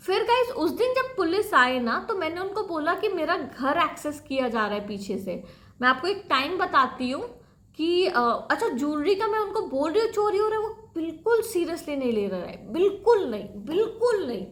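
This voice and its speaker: A woman's voice: very high voice, pushed and bright, roomy sound. A woman telling her own story in a casual, emotional vlog, talking to viewers as "guys" and acting out what others said.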